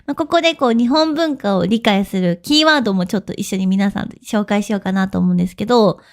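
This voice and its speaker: A woman teaching as an online language teacher in a casual podcast lesson, chatty, with lively pitch swings and frequent soft laughs. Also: fast talker. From Japan.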